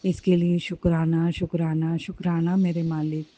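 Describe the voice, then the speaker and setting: Low, dark-voiced woman giving fervent thanks. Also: flat delivery, normal speed. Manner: fervent, repeats words of thanks over and over. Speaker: devotee sharing a satsang testimony. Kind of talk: devotional testimony.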